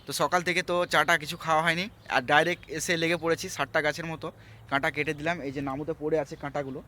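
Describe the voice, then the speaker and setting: A man's voice: flat delivery, rapid-fire. A man vlogging outdoors on a farm, chatting step by step to viewers while he works. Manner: lowers voice to talk quietly. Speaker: vlogger, migrant farm worker. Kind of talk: casual explanatory vlog.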